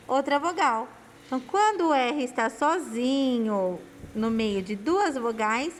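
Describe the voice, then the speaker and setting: A woman's voice: fairly high pitch, big-room sound, slight background noise. A woman teaching a primary school lesson, patiently sounding out syllables and asking and answering her own questions, calling her pupils her loves. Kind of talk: slow, patient classroom lesson.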